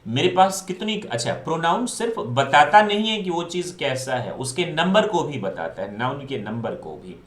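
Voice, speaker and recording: A man's voice: fairly high pitch, sing-song, moderate pace, hardly any pauses. A man teaching English grammar in an online lesson, mixing English into his talk and often asking his class questions that he then answers himself. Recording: echoey room.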